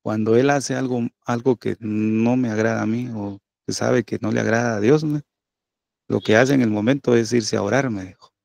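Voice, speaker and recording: A middle-aged pastor preaches in a friendly, conversational way, checking in with his listeners again and again. His voice has a gravelly edge and sits at an ordinary pitch for a man. The sound is close and dry, with almost no room around it. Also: steady tone, moderate pace, darkish tone, dry recording. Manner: conversational preaching with many tag questions. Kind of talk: sermon.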